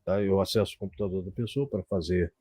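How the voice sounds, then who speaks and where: A middle-aged man with a Brazilian Portuguese accent hosts a casual live stream, chatting and reminiscing in a rambling way. His voice is mellow and dark. The sound is dry and close. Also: low voice, steady tone, fast, husky, no echo. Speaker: host.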